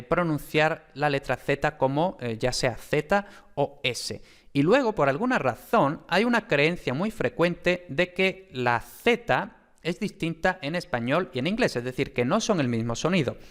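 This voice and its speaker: A man's voice: a little high, a bit bright. Man lecturing. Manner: explanatory, many fillers and hesitations. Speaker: phonetics teacher.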